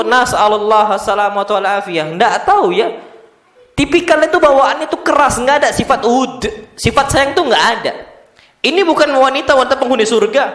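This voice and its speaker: Male preacher, high voice, animated mosque sermon full of rhetorical questions, echoey hall. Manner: lively preaching with rhetorical questions to the women present. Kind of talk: lecture in a mosque.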